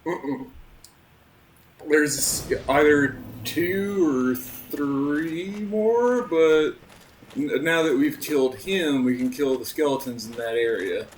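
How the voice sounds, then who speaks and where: A man playing the game while co-hosting, calmly explaining the mechanics in a dry, easygoing way. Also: a little high, slow. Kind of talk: casual gameplay commentary. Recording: distant mic with faint background noise.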